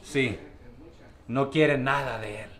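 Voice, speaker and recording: A man's voice: medium pitch, slow pace, a bit bright. A man teaching a Bible study to his congregation, often asking questions and using fillers.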